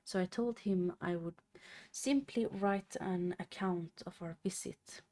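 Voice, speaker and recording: A young woman streamer reads a classic novel aloud on a live stream, haltingly, stumbling over words and restarting them. Her voice is lowish and mellow.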